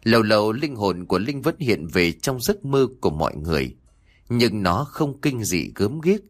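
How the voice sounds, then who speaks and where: A man's voice: lowish voice, moderate pace. A man narrating a ghost story in a scripted storybook reading. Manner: animated, formal sign-off.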